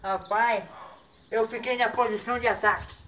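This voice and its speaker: A man telling a comic story as a clown, animated and full of exaggerated exclamations and sound effects. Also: extremely high pitch, moderate pace. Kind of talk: comic storytelling duo routine. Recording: distant, dull mic with faint noise.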